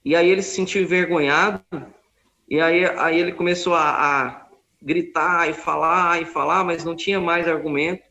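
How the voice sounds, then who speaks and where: A man's voice: on the high side, steady tone, moderate pace, bright, forceful tone. A man telling a story in an emphatic way, quoting his own words at length. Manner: emphatic, quotes himself at length. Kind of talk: casual storytelling. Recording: dull lo-fi recording.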